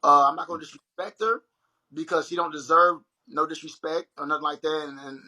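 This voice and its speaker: A man's voice: fairly high pitch, fairly quick, poor audio. A young man hosting a casual livestream chat, telling stories animatedly and speaking straight to his viewers. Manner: animated storytelling, addresses viewers as y'all. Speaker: livestream host.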